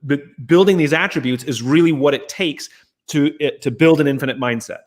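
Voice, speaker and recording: Eager higher-pitched male host. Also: a little fast. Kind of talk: conversational book club discussion.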